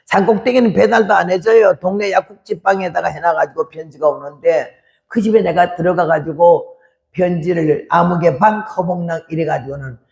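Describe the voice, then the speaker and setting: Elderly woman missionary in her 80s, gravelly, voices family members while telling her testimony. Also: mid-range voice. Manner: lively storytelling, acting out family members' quoted speech. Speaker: missionary preacher. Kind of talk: testimony sermon.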